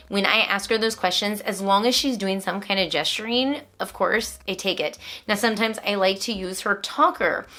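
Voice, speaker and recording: This woman's medium-pitched voice comes across pushed and bright. A homeschooling mom, she gives encouraging, explanatory teaching advice in her vlog, with read-aloud asides directed at a child.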